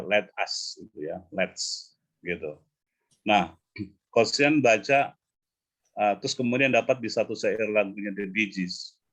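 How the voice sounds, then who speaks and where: A man teaching English grammar in a casual online lesson, explaining patiently and repeating examples slowly over a video call. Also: on the low side, a bit bright. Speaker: English coach.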